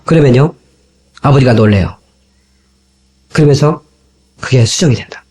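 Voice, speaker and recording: A man's voice: mid-range voice, normal speed. A man preaching a sermon as a pastor, talking animatedly and acting out the people in his stories, from an old cassette tape. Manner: animated, acts out quoted voices.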